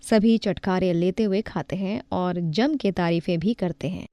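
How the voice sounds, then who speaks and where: A woman narrating a moral storybook in a plain, steady way. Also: lowish voice, a little slow, dry recording, clean studio sound.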